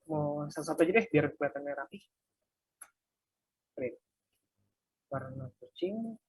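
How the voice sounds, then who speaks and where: Typing through a live coding demo, a workshop instructor thinks out loud and mutters little asides in a medium-pitched voice with a breathy edge. The manner is casual, with light laughter at slip-ups, recorded without echo.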